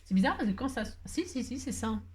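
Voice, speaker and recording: Playful woman chatting through a craft tutorial, jokey, slightly high voice. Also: lively intonation, brisk, slight background noise. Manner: chatty, playful, full of filler tags. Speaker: craft video host.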